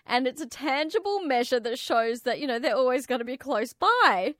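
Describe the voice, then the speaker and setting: A woman's voice: high voice, lively intonation, moderate pace, a bit bright, dry recording, studio quality. A woman co-hosting a radio show in casual, giggly chat, saying "like" a lot. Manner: chatty, giggly, says "like" often. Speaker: radio host.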